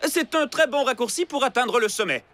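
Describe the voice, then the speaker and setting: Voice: medium pitch, expressive, fairly quick, a bit bright, close to an everyday voice. An actor voicing a helpful, chatty magical translating creature in a children's cartoon. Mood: explaining. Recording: music behind the voice.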